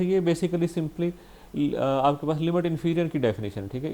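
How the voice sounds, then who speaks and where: Speaking in a dark, mid-range voice, a man with a Pakistani Urdu accent delivers a recorded math lesson one step at a time. English math terms are woven into his speech, and he keeps confirming with listeners through frequent "theek hai ji" checks.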